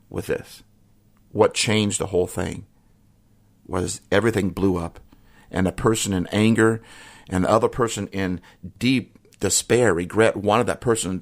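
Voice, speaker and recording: A middle-aged man speaks on his own podcast in a reflective, heartfelt way. His voice sits low, with a gravelly edge. He is earnest and a little emotional, and his sentences often drop to a hush at the end. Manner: earnest, emotional, with soft laughs and trailing quiet endings. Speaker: podcast host. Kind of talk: reflective solo podcast talk.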